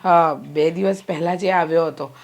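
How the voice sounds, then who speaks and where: A woman's voice: fairly low pitch, fairly even intonation, moderate pace, darkish tone, close to an everyday voice. A woman playing a fretful, nagging mother. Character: worried, scolding middle-aged mother. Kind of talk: Gujarati short film drama.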